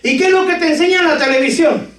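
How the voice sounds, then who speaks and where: A man preaching a lively sermon to his congregation with jokes, sudden shouts and talk of brothers. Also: very high voice, quick pace. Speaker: pastor. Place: church hall. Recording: echoey church hall from far off.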